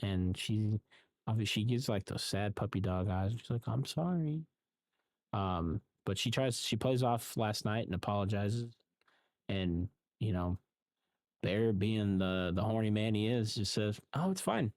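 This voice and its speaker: Male reviewer, lower voice, rambling halting delivery, dry booth sound. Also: fairly even intonation, a little mellow, no echo. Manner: rambling, halting, frequent ums and restarts. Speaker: film reviewer. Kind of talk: casual spoken recap.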